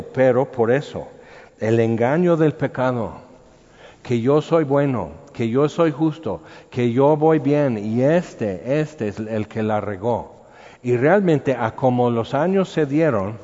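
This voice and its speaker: A man's voice: medium pitch, mellow. A man with a Mexican accent preaching a sermon as a pastor, telling stories conversationally and acting out quotes. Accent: Mexican Spanish. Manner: conversational storytelling, acts out quotes. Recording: dull sound with long hall reverb.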